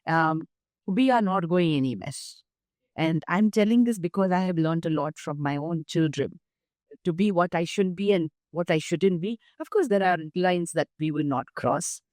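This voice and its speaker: An older woman with an Indian accent, interviewed as a guest. Her voice sits on the low side, and the recording is close and dry. She speaks in a measured, emphatic manner. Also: a little mellow, dry recording. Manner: measured, emphatic, explains through lists of examples. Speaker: guest, nonprofit founder. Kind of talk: interview conversation.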